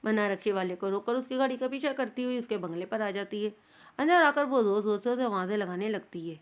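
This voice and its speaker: Woman narrating a romance novel. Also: medium pitch.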